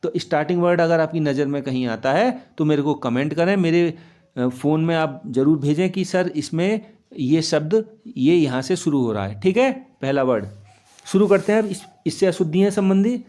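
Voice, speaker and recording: A man teaching a Hindi spelling lesson, repeating each word slowly and speaking straight to the children. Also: a little high, warm tone. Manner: repeats words slowly, often addresses children. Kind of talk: classroom lesson explaining spelling.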